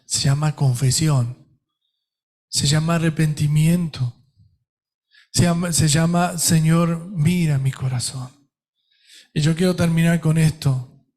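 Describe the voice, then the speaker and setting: Slow, emphatic Argentine pastor preaching. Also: male voice, on the high side, fairly even intonation, darkish tone. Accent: Argentine Spanish. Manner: emphatic, preaching with dramatic pauses. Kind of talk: sermon.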